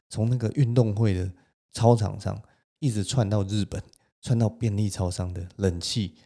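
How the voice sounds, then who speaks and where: A man with a Taiwanese Mandarin accent, telling a story on his own podcast in a lively way and laughing now and then. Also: fairly low pitch, creaky. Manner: animated, laughs between lines. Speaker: podcast host. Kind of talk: solo storytelling.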